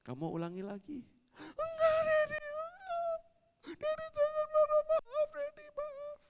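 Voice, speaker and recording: A sobbing little child. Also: male voice, wildly swooping pitch, quick pace, dark tone, a little hiss or hum, exaggerated voice. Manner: sobbing, pleading, high and small. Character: small crying child, frightened and remorseful. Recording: long church hall reverb.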